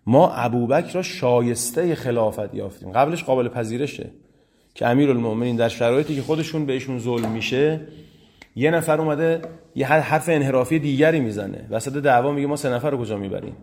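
A man's voice: mid-range voice, a little mellow. Persian man lecturing on religious history. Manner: reads Arabic quotes slowly, then explains them in quick conversational Persian.

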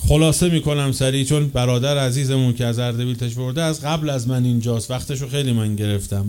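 Guy giving a fiery sermon, mellow dark tone, chants quotes slow then rushes asides. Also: medium pitch, clean tone. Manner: impassioned, swings from loud declaiming to quick asides; chants quoted chains of narrators slowly. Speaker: preacher.

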